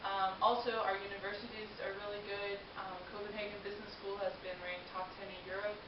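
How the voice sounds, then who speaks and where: Speaking quickly and flatly in a mid-range voice, a young adult woman from Denmark delivers a prepared, informative talk to an audience in her native Danish. The audio is muffled and hissy, with roomy echo from a far-off microphone.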